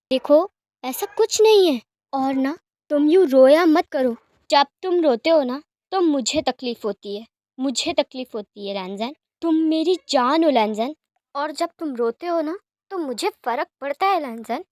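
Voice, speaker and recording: A woman voicing a young man who gently soothes and comforts his beloved in an audio story. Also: sits high, lively intonation, a little slow, no room sound, studio quality, pitched above the performer's own voice. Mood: tender. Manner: soft, soothing, affectionate.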